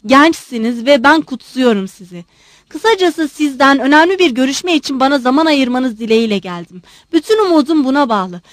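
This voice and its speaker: A woman's voice: high voice, expressive, dry recording, clean studio sound. A woman reading the part of an agitated, effusive old male general who pleads and bursts out emotionally. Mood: fervent. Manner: pleading, emotional, rushing outbursts.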